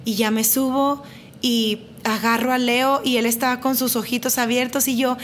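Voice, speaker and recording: A woman's voice: on the high side, moderate pace, a little hiss or hum. A woman, casually telling a personal story to camera, dramatic and self-mocking, repeating phrases for emphasis. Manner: lively, dramatic retelling with self-deprecating laughs.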